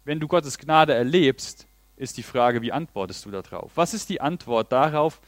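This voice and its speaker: A man's voice: medium pitch, lively intonation, normal speed, dry recording. A man preaching a sermon in an earnest way, retelling a Bible story and reading passages aloud.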